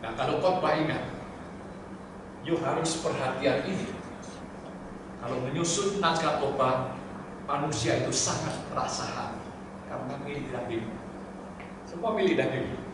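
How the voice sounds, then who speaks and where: An older man, a pastor, teaching a seminar sermon who mixes English phrases into his talk and swings between loud emphatic bursts and quiet low asides, recorded from far off in a large hall. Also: measured pace, long pauses. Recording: very echoey hall, distant mic, noisy.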